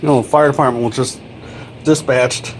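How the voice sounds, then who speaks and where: Guy mumbling casual commentary to himself, average pitch, noisy recording with vehicle sounds. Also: steady tone, moderate pace. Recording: clear background noise, vehicle ambience.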